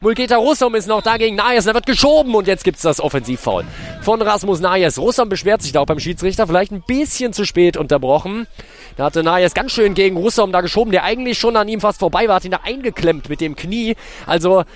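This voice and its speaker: High-voiced man calling football play-by-play. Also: lively intonation, quick pace. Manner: detailed, descriptive calls in short clipped phrases. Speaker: sports commentator. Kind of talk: live play-by-play football commentary.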